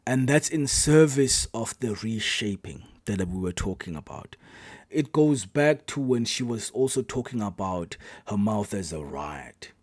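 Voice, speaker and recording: A man reacting to a poem, giving thoughtful, analytical commentary that often trails off quietly at the end of a thought. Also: fairly low pitch, animated, measured pace, no echo.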